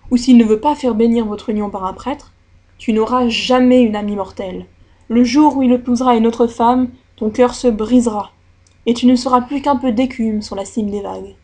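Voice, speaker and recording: A woman's voice: fairly high pitch, darkish tone, natural voice. A woman voicing a scornful old female sea witch in a storybook reading, speaking in a blunt, mocking and threatening way.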